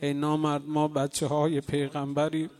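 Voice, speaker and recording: Man voicing a young captive girl, grieving, pleading, fairly high, flat melody. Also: close to an everyday voice. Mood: sorrowful.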